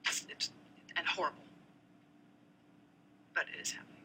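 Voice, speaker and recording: A flustered woman surgeon in a TV drama, with a very bright, tense voice. She stammers in halting, breathless bursts. Faint noise sits behind the clip. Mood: distraught confession. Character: flustered woman surgeon confessing against her will. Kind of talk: television drama acting.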